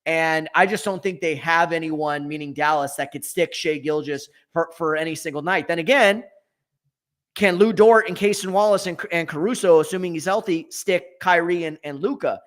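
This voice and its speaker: Sports co-host, a man with a fairly high voice, rambling and self-correcting picks. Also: normal speed, fairly bright tone. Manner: thinks aloud, self-correcting. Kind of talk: casual sports talk.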